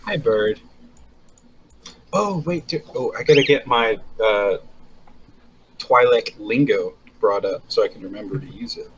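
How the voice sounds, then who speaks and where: A man's voice: medium pitch, big pitch swings, a little slow, long pauses, fairly bright tone, slight background noise, low-quality recording. A man playing in a casual tabletop game, chatty and reflective, thinking aloud with plenty of fillers. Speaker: player.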